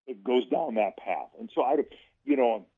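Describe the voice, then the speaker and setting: A man talking casually about politics on the radio, haltingly, repeating himself as he thinks aloud. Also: medium pitch, wildly swooping pitch, vocal fry, husky. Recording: dull, muffled radio sound.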